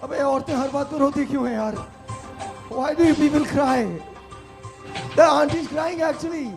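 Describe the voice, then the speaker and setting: Shouting male TV host, very high voice. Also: steady tone, takes it slowly. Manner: shouting, hyping the crowd. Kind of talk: excited live contest commentary. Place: TV studio with a live audience. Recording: studio with music and a loud crowd.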